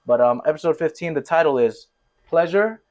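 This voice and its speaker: A man from Connecticut hosts his own podcast in a loose, playful chat. He hypes things up, laughs often and throws out shout-outs. His voice sits slightly higher than most men's. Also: lively intonation, brisk. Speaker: podcast host. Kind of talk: casual chat.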